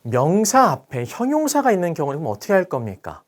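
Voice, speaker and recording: Male grammar teacher, lecture delivery, lively pitch, keeps asking the class if they follow. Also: fast. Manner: lively teacher asking rhetorical questions and checking in often.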